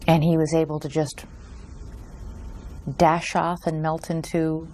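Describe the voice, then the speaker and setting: A woman's voice: low-pitched, level tone, a little slow, dark tone, slight background noise. A woman working as an interviewer, putting probing questions and remarks to her guest. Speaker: interviewer, reporter.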